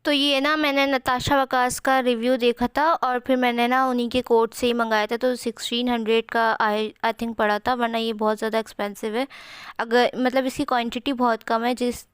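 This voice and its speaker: A woman's voice: fairly high pitch, level tone, normal speed, clear, resonant tone, dry recording. A young woman with a sore throat, chatting through a home cooking vlog voice-over in a rambling way with many fillers, recorded close to the mic. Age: young adult. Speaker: vlogger.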